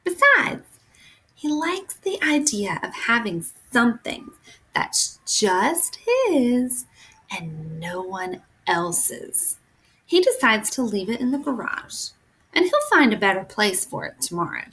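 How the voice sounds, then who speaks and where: A woman reading a children's chapter book aloud in an expressive, unhurried way. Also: on the high side, rough recording. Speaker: reader.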